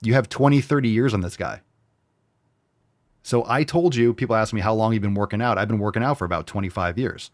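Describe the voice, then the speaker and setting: Speaking briskly in a fairly low voice, a man in his 40s hosts a fitness livestream, reading viewer comments and pushing viewers to exercise with blunt, profane motivation. The sound is clean studio audio without echo.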